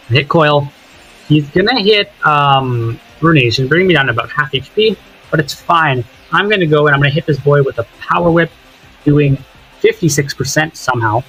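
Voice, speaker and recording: A man's voice: a little high, a bit bright, poor audio. A young man casually talking through his own game, thinking aloud and swearing now and then. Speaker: gaming commentator. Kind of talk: casual commentary over gameplay footage.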